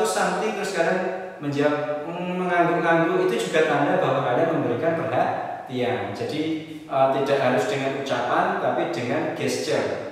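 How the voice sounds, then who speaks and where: A man teaching an English lesson at a whiteboard, mixing Indonesian and English and repeating key phrases slowly with emphasis. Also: on the high side. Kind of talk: classroom lesson explaining at a whiteboard. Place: classroom. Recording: echoey room, voice distant from the mic.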